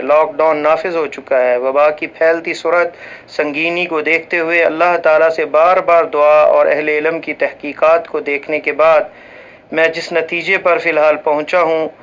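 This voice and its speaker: A man reading a written religious ruling aloud in a formal, measured way, reciting Arabic scripture and now and then slipping and restarting a word. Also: a little high, a bit bright, highs cut off. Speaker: voice-over reader for a religious channel.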